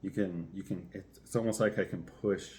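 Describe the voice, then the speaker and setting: A man's voice: low voice, steady tone, fairly quick, a little mellow. A man talking casually in a personal vlog, telling anecdotes and thinking aloud with some hesitation. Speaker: vlogger, first-time ice bath participant.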